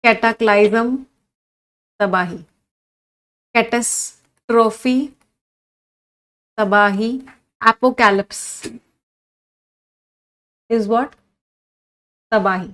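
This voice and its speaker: A woman's voice: fairly high pitch, steady tone, very slow, long pauses, a bit bright. A woman teaching English vocabulary in an online class, quizzing her students, praising their answers and switching between Hindi and English as she spells words out.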